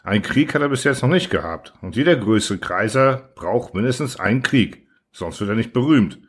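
A man's voice: fairly low pitch, animated, moderate pace, breathy edge. A man reading the lines of a shrewd, worldly older soldier in a blunt, matter-of-fact way.

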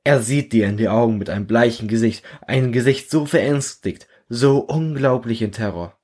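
A man reading his own short story aloud in a measured, earnest second-person storytelling voice. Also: medium pitch, darkish tone. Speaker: narrator.

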